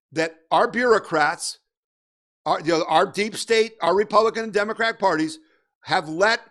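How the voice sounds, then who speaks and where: Impassioned higher-voiced man ranting on talk radio. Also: a bit bright. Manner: impassioned, exasperated ranting with rhetorical questions. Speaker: political radio and podcast host. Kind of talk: opinionated talk radio monologue.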